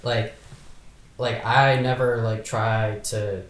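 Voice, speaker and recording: A man's voice: on the low side, flat delivery, slow pace, echoey room. A man in his twenties, a podcast guest talking casually and hesitantly, full of fillers and restarts. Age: 20s. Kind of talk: casual chat.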